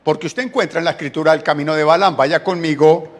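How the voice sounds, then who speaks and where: A man with a Colombian Spanish accent preaching a sermon, telling the story with lively acted-out voices. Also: on the high side, fast, in a large hall. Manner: animated storytelling, acting out quoted voices. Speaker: pastor.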